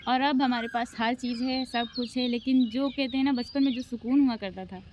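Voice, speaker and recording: A young woman vlogging casually at home, soft and emotional as she reflects, still recovering from being unwell. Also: a little high, steady tone, fairly quick, background noise. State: recovering from illness. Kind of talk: casual vlog talk to camera. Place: at home, near singing birds. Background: birds chirping.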